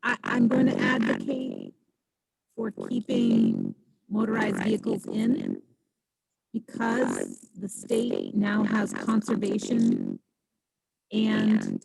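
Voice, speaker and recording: A woman on a video call in a meeting, her audio garbled and breaking up as she talks slowly to get through. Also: very deep voice, wildly swooping pitch, gravelly. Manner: speaks slowly to get through a bad connection. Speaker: committee member. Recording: noisy, garbled call connection.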